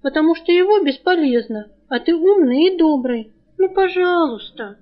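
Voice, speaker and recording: A woman's voice: high-pitched, expressive, normal speed, muffled recording, pitched above the performer's own voice. A woman reader voicing a flustered, indignant young woman who shrills and pleads. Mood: pleading.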